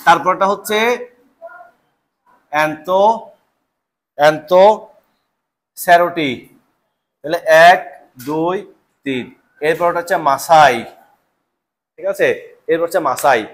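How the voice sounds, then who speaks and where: A man's voice: on the high side, moderate pace, pauses often, a bit bright. A young man teaching a biology class to students in a classroom. He repeats each term and keeps checking that they follow. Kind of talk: live classroom lecture.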